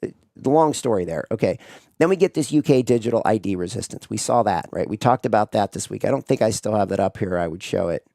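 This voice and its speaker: A man's voice: lowish voice, animated, fast, gravelly, dark tone, dry recording, clean studio sound. A man hosting a casual commentary show, rambling and often asking "right?" as he talks. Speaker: host.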